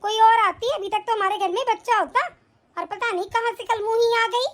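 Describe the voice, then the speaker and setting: A woman voicing a spiteful, bossy older mother-in-law in an animated family drama, with taunting lines. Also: very high voice, fairly quick.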